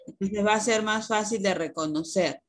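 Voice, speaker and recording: Patient woman teaching an online class. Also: medium pitch. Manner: patient, explains slowly with rhetorical questions. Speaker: primary school teacher. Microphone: video call.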